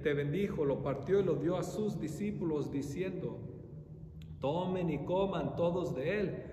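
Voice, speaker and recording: Solemn prayer recitation from a male priest saying mass, his slightly mellow voice shaped by formal, measured ritual phrasing. The setting is a large, reverberant church interior, so the sound is echoey, with some background noise and a faint low rumble.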